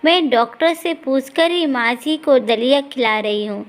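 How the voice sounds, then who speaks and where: A woman voicing a dutiful young daughter-in-law who answers accusations gently. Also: high voice, animated, a little slow. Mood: pleading. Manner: gentle, placating.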